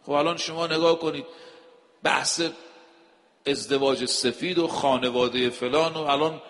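A man's voice: a little high, fairly even intonation, fairly bright tone. Emphatic male preacher in a reverberant hall. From Iran. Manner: emphatic, rhetorical questions, quotes scripture. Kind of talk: sermon.

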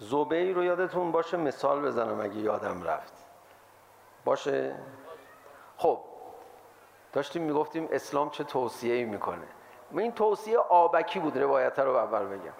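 A man giving a lively sermon to an audience, acting out the voices of people he quotes. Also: mid-range voice, vocal fry, long pauses. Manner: animated, acts out quoted voices. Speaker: religious lecturer.

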